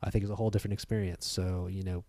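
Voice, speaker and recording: A young man hosts a casual podcast in a low, soft-spoken voice. He talks in a hesitant, relaxed way with lots of fillers. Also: racing. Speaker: podcast host.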